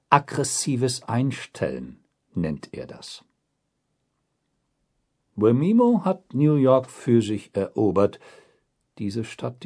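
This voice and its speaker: Slow, husky German documentary narrator. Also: male voice, medium pitch, dark tone. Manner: measured, deliberate reporting tone. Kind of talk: scripted documentary voice-over.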